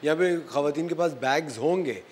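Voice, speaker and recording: A man's voice: fairly high pitch, normal speed, darkish tone. A male talk show host asking curious questions and giving brief affirmations. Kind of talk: casual talk show chat.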